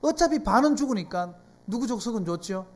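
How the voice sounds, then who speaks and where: Gyeongsang accent pastor preaching, very animated up and down, keeps firing questions at the congregation. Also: medium pitch, fairly quick. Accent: Gyeongsang Korean. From South Korea. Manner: conversational preaching, constant rhetorical questions to the congregation. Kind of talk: sermon. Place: church sanctuary.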